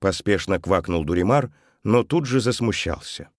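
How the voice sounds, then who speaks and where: Male narrator, low voice, calm storybook reading, dry studio. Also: normal speed, breathy edge, dry recording. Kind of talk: audiobook narration.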